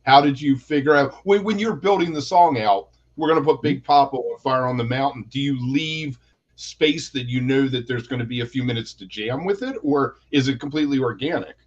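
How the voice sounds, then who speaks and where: A male host puts careful, measured questions to his guest. His audio sounds a little dull and lo-fi, as if the mic is of modest quality. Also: mid-range voice. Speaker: podcast co-host. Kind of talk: interview questions.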